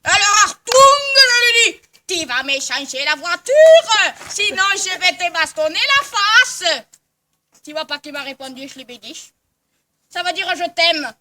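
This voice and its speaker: A woman's voice: high voice, moderate pace, distant mic, heavy background noise, natural voice. A woman playing a muddled, brash traveler in a comedy sketch, rambling on and repeating herself. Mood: boastful. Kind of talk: amateur comedy sketch acting.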